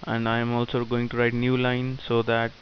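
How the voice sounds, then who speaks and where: A man teaching programming in a screen-recorded tutorial, dictating code in short halting phrases. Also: mid-range voice, completely flat delivery. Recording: dull lo-fi sound with faint hiss.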